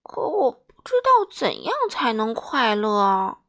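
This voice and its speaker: A woman's voice: a little high, sing-song, slow. A woman voicing a sad male king who sobs as he talks, in a children's story. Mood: tearful. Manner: sobbing, whiny.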